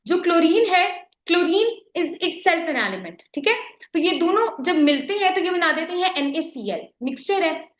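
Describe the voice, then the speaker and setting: A woman with a Pakistani Urdu accent teaching a chemistry class, explaining patiently and often checking whether students follow. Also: high-pitched. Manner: explains patiently, mixing English terms, often checks "theek hai?". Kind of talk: classroom lecture. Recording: echoey, slightly dull classroom recording.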